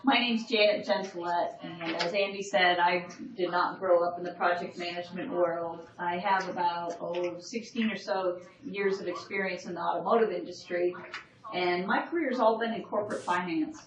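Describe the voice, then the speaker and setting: A woman's voice: on the low side, fairly even intonation, moderate pace. A woman co-presenting a workshop, introducing herself plainly with friendly, light teasing. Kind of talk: casual seminar talk. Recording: roomy, dull, from a distance.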